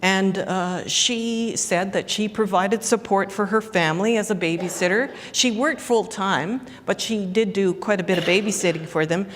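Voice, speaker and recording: A woman's voice: medium pitch, moderate pace, hardly any pauses, slight background noise. A woman giving a conference talk, hesitant and full of fillers. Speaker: conference presenter. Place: conference hall. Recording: reverberant conference hall.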